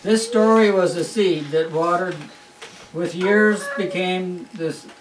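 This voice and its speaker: A grandfather takes his time reading a Christmas story aloud at home, his high voice carrying a wry, amused storytelling manner. The background is noisy, and the home recording sounds roomy and distant.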